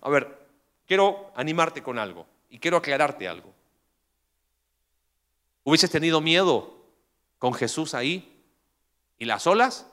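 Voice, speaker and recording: A man preaching a sermon with animated delivery, asking rhetorical questions and acting out quoted voices. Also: fairly high pitch, a little slow, long pauses.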